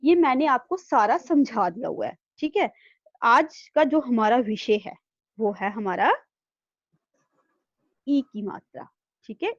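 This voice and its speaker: A woman's voice: on the high side, expressive, slow pace, pauses often, no room sound, highs cut off. A woman teaching an online class to young children, patient and repeating herself. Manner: patient, repeats "thik hai?" after nearly every line. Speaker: primary school teacher. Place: home room, online video class.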